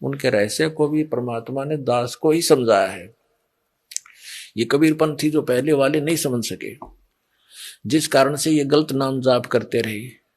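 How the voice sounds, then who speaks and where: A man's voice: medium pitch, unhurried, darkish tone. An older man preaching a Hindi religious sermon, posing rhetorical questions and answering them himself.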